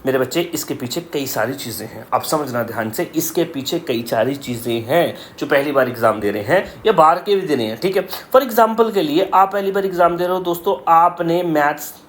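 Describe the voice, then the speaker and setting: A man's voice: fairly high pitch, expressive, fairly quick, few pauses, fairly bright tone, a little hiss or hum. A male coaching teacher giving students blunt, direct exam advice, repeating his key points. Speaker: coaching teacher for competitive exams. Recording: roomy echo.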